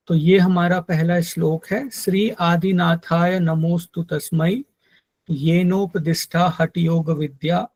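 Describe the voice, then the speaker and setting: A man teaching a yoga text in an online class, explaining slowly and patiently and drilling Sanskrit pronunciation. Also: sits high, vocal fry, darkish tone, slightly rough, dry recording. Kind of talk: online lecture.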